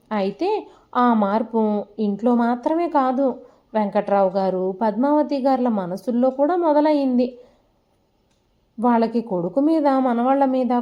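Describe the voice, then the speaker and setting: A woman's voice: fairly high pitch, muffled recording. Woman narrating an emotional family story.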